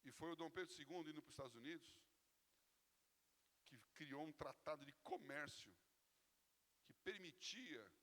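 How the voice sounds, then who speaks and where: A man's voice: on the high side, animated, normal speed, pauses often, a bit bright. A man with a Brazilian accent preaching a sermon in a church hall, telling personal stories in a conversational way with frequent "né?" tags. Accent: Brazilian Portuguese. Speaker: pastor. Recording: long reverb of a large hall.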